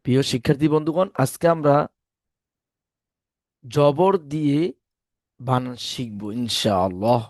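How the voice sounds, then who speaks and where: Slow man drilling Arabic syllables. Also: mid-range voice, a little mellow, no room sound, studio quality. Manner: slow, drilling syllables and repeating each word three times. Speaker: Quran reading teacher. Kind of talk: spelling and pronunciation lesson.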